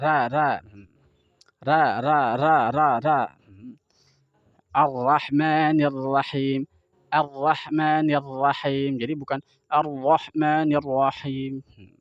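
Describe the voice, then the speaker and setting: A man's voice: medium pitch, no room sound. Indonesian male recitation teacher, patient drills of single sounds, dry muffled recording. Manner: demonstrates sounds by repeating syllables slowly. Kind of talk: tajwid pronunciation lesson.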